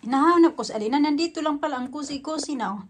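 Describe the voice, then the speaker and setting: Filipina mom chatting away at home on her phone, kinda high voice, roomy echo and noisy background. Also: rapid-fire. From Philippines. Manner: switches between English and Tagalog mid-sentence, chatty. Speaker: vlogger, mother. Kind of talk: casual home vlog chat. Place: home in the UK, kitchen and living room. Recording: echoey room with background noise.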